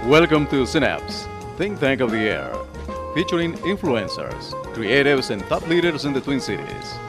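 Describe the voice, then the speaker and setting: A man's voice: medium pitch, huge pitch swings, normal speed. A man announcing the show's opening in a scripted, sweeping delivery. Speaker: show announcer. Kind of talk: scripted show intro. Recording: announcer over clear music bed.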